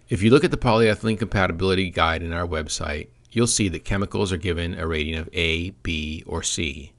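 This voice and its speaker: A man giving a scripted product training presentation, with a dry, deadpan sense of humor. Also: deep voice.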